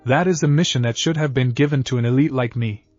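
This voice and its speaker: An arrogant, jealous teenage ninja speaks in a fan story, as a male narrator reads him in his own voice. The voice stays mid-pitched and even. The sound is slightly dull, with soft music beneath. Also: fast talker, lightly acted.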